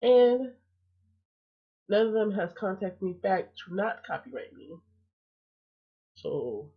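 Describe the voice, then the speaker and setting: A woman's voice: medium pitch, big pitch swings, slow, breathy edge. A woman hosting a casual reaction video, chatty and blunt, sounding stuffed up from a cold. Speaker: reaction streamer. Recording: tinny phone-like lo-fi sound.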